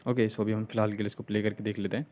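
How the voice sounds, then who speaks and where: Narrating over a screen recording, a young video editing tutorial host walks through steps casually, often adding check-in tags and fillers. He talks very fast in a fairly low, darkish voice with a level tone.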